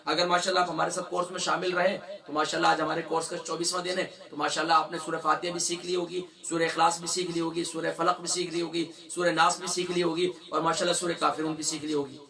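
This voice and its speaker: A man's voice: on the high side, level tone, gravelly, few pauses, sharp tone, recorded from a distance. A man teaching Quran recitation in a tajweed lesson. He asks the class questions, answers them himself, and stretches out letter sounds to demonstrate them.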